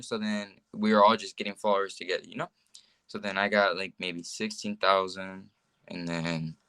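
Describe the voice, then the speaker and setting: A teenage boy from the United States, a young social media influencer appearing as a guest, rambles through personal stories casually and says "like" very often. His voice is fairly low, sharp, clear and resonant, in a dry recording.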